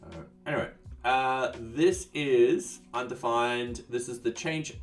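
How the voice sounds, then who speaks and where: Hosting a casual live coding stream, a man answers chat slowly in a mid-range voice, easygoing and often trailing off. He sits far from the mic, sounding a bit off-mic, while soft music plays.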